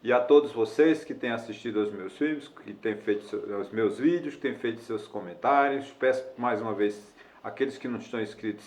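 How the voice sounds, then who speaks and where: A lawyer in his sixties gives a casual video lesson on elderly law, rambling with many fillers and self-corrections. His voice is mid-range and the sound is roomy.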